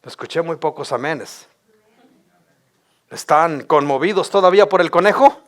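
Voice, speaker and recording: A man's voice: a little high, normal speed, a bit bright. A male pastor, preaching an impassioned sermon and stammering over repeated words as he builds his points.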